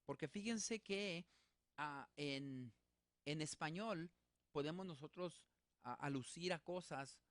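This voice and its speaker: A man teaching a Bible study in a relaxed spoken way, working through examples with many fillers and restarts. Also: medium pitch, no echo.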